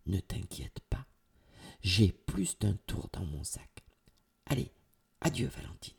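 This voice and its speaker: A man voicing a kind magical male bird in a storybook tale, calm and reassuring. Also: fairly low pitch, unhurried, vocal fry, husky, heavily acted.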